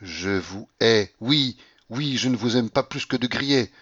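A man voicing a proud, feverish young woman in an audiobook, his voice raised and excited for her outbursts. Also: medium pitch, measured pace, no room sound, dull audio. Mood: scornful. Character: proud feverish young woman, torn between scorn and love.

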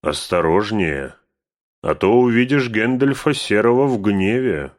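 A man puts on an old male wizard for an audiobook, with a low, deep voice. He speaks in a measured, steady way, probing patiently. When crossed he grows stern and warning without losing control.

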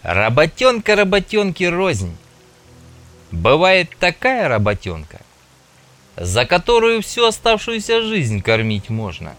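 A man's voice: fairly high pitch, wildly swooping pitch, slow pace, a bit bright, faint music behind, voice pushed up, heavily acted. A man voicing a wary male stalker who banters sardonically, in an audiobook reading. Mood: joking.

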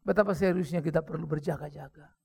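A man with an Indonesian accent preaching a sermon, joking with the crowd and bursting into sudden shouts. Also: fairly high pitch, fast, vocal fry, husky. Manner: lively preaching with jokes, acted quotes and sudden shouts. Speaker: pastor.

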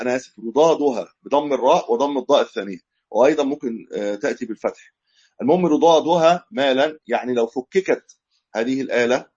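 A man with an Egyptian accent teaches a live class at a brisk clip. His voice is husky and he explains in an easy, conversational way, pausing to correct himself. The recording sounds dull and lo-fi. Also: medium pitch, darkish tone. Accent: Egyptian Arabic. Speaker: religious teacher. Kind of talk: live class lecture with questions.

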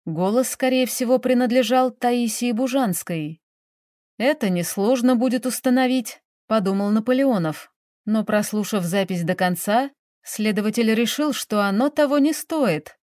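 A woman's voice: fairly high pitch, normal speed, darkish tone, dry recording, clean studio sound. Woman reading a detective novel aloud. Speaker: audiobook narrator. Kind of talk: scripted narration of a detective novel.

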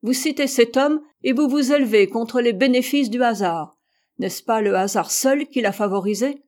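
A woman's voice: a little high, moderate pace, a little mellow, lightly acted. A woman voicing a stubborn, proud American explorer who argues insistently and heatedly.

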